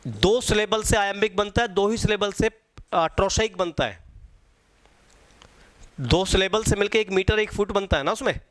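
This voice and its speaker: A man's voice: high-pitched, normal speed, pauses often, fairly bright tone. A man teaching an exam-prep lecture. He repeats key points and quizzes his students.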